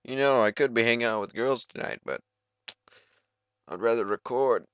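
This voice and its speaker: Young man, let's play gamer, goofy rambling commentary, smooth low voice, dull lo-fi dry recording. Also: normal speed, fairly bright tone, no room sound. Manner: goofy, rambling, jokey, talks to the game.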